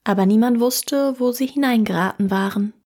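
A woman reading a fairy tale aloud in calm, measured storytelling. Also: fairly high pitch. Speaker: narrator.

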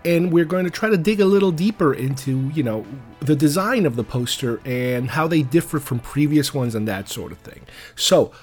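A man's voice: a little high, animated, moderate pace, darkish tone, slightly rough, faint music behind. A man hosting a podcast, talking casually and enthusiastically in a rambling way. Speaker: podcast host. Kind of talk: casual solo podcast talk.

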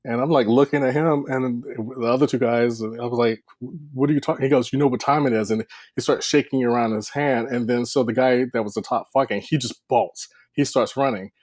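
Man, mid-pitch, rambling storyteller, lots of fillers and restarts, dry close sound. Podcast guest. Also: fairly even intonation, moderate pace, few pauses, darkish tone, no echo. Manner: rambling, frequent fillers and restarts, laughs often. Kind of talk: casual storytelling chat.

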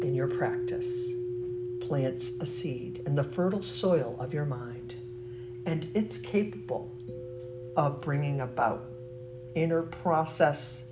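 A yoga nidra instructor leading a guided meditation in a soothing, gentle, deliberate way with long pauses. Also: mid-range voice. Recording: muffled, noisy recording with steady humming tone.

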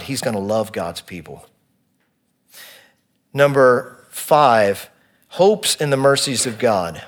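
A man preaching a sermon in church, counting off his points and reading scripture with emphasis. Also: medium pitch. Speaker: pastor.

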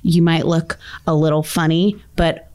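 A woman's voice: low-pitched, little pitch movement, measured pace, a little mellow. A woman co-hosting a casual podcast chat, talkative, often trailing off mid-thought. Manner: chatty, laughs often, trails off. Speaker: podcast co-host.

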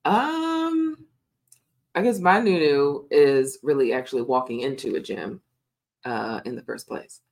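Low, gravelly-voiced woman chatting. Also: measured pace. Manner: animated, laughing, chatty. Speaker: podcast co-host. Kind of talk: casual chat.

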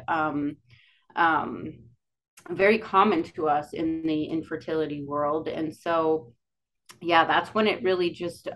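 A woman from the Dakotas with a Dakota accent, telling her own story casually and haltingly as a podcast guest. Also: low voice, low-quality recording. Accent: Dakota, Upper Midwest. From Dakotas, United States. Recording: clear background noise.

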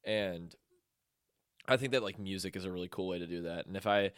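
A man's voice: sits low, fairly quick, fairly bright tone, clear, resonant tone, no echo, studio quality. A young man in casual chat with friends, talking in a rambling way with lots of "like". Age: young adult. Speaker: student co-host.

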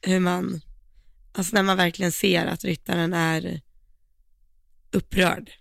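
A woman co-hosting a casual podcast, with a bright voice that carries a gravelly, creaky edge. She speaks frankly and emphatically, with firm opinions about riding. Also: fairly low pitch, flat delivery, no room sound, clean studio sound. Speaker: podcast co-host.

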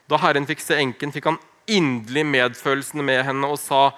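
A man preaching a sermon, earnest and emphatic, slowing down on key phrases and dropping to a hush. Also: medium pitch, steady tone. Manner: earnest, slow emphatic phrasing with wide swings in loudness.

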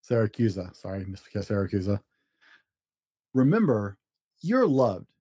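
As the host of a read-along, a man reads a children's storybook aloud a little slowly, his lowish voice husky, relaxed and mellow with animated rises and falls. The sound is dry with no room sound, and he keeps it simple and expressive for young listeners.

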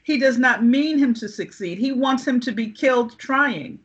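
A woman's voice: high-pitched, moderate pace, muffled recording, lightly acted. A woman reading aloud and voicing a desperate aristocratic mother who begs through tears. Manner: tearful, begging.

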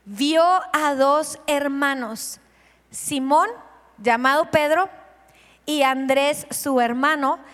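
A woman's voice: high-pitched, slow, long reverb tail. A woman pastor preaching a sermon, asking the congregation questions and acting out the scenes she tells. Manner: lively, asks the congregation questions and acts out scenes.

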